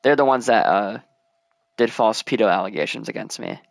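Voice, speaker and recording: A man's voice: lowish voice, normal speed, vocal fry, no room sound. A man chatting casually while playing a building game, rambling and mumbling counts under his breath. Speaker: gamer. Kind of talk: casual let's play commentary.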